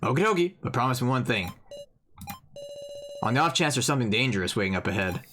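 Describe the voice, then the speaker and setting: A woman's voice: extremely low pitch, very animated, fast talker. A woman doing a smug, easygoing detective man. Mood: protective. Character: cocky, easygoing adult male detective. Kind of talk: reading game dialogue aloud. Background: game music.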